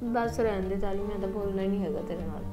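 A woman's voice: mid-range voice, fast, dark tone, soft background music, close to an everyday voice. A young woman playing a stubborn wife who sulks and snaps back at her husband. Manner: sulky, retorting.

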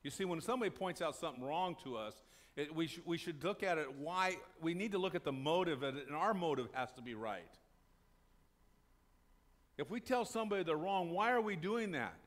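This older pastor's voice is a little high and animated, at a normal speed. He preaches in a small church sanctuary, talking with the congregation conversationally and responding to his own questions.

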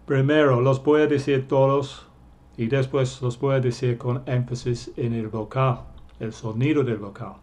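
A man teaching vowel sounds in Spanish, drilling each vowel again and again and stressing it louder. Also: mid-range voice, steady tone, measured pace. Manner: repeats vowel sounds many times, stressing them louder; slips and corrects himself. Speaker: English teacher. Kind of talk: slow vowel-drill lesson for Spanish speakers.

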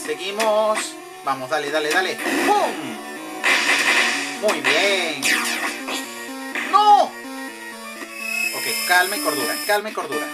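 A man giving live commentary over a video game, excitedly cheering himself on and swearing as he plays. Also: high-pitched, a little slow, poor audio. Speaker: gameplay commentator. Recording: loud game music behind the voice. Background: loud video game music.

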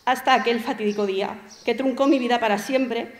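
A woman from Spain, an amateur writer reading her short story aloud in a modest, unhurried way. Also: a little high, fairly even intonation. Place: municipal auditorium. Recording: echoey hall.

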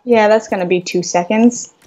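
A woman hosting casual gaming chat, giggly and excitable as she reacts to the play. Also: medium pitch, moderate pace, lo-fi sound. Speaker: gaming channel host.

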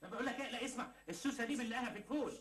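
An actor with an Egyptian accent playing a cheeky office clerk who keeps teasing and joking in a TV sitcom. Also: male voice, extremely high pitch, animated, very fast, a bit bright. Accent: Egyptian Arabic. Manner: teasing, joking, laughs at his own jokes. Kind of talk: 1980s Egyptian TV sitcom acting.

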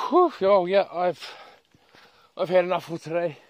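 A man's voice: sits high, no echo, highs cut off. A man, chatting casually to a handheld camera outdoors in a rural yard while working on dirt jumps. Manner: laid-back, chatty, self-filming outdoors after digging. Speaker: vlogger building dirt jumps. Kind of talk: casual vlog narration. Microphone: camera held at arm's length.

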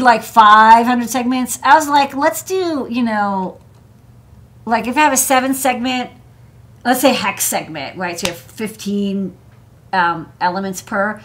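A medium-pitched, fairly bright voice belongs to this woman in her thirties, an electronics engineer who hosts a desk show from her workshop desk. She walks through parts casually and chattily, using many fillers and restarts.

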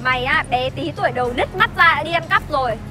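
A woman's voice: high-pitched, expressive, fast. An actress playing a harsh young mother who berates an orphan boy, scolding sharply in a scripted web sitcom. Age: young adult. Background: background music.

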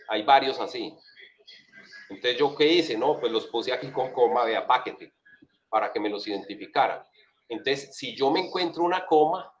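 A man with a Colombian accent giving a casual, chatty programming lesson, walking through his code with plenty of slang and repeated check-in questions to his students. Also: medium pitch. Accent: Colombian Spanish. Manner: chatty, slangy, asks "right?" often. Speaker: programming instructor. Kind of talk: casual screen-share coding lesson.

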